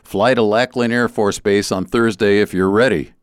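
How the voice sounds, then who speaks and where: A man voicing an easygoing, overweight Air Force recruiter with a Southern accent and an unhurried drawl. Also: fairly low pitch, steady tone, clean tone, no echo, clean studio sound, natural voice.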